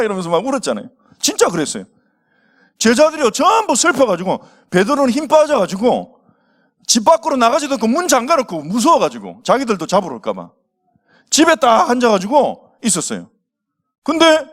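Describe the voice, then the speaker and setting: A man's voice: very high-pitched, fairly bright tone. A male pastor preaching to young people, telling the story with acted quotes and asking the audience questions. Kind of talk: sermon to teenagers.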